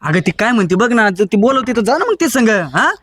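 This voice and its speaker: An actor playing a bossy elder brother who is busy running a wedding and whose voice keeps jumping up in pitch. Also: male voice, very animated, fairly quick, fairly bright tone, no room sound, studio quality, heavily acted. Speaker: actor in a village comedy.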